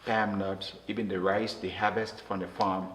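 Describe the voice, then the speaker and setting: A man from Liberia, speaking earnestly in an interview and often halting and restarting his words. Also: lowish voice, little pitch movement, a bit bright. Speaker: interview guest. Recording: roomy echo with faint noise.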